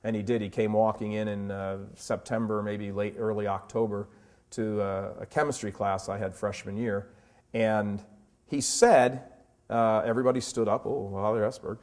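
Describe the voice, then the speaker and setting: A man in his fifties giving impassioned commentary, firing rhetorical questions and slowing down to stress his words. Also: fairly low pitch, little pitch movement, darkish tone. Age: 50s.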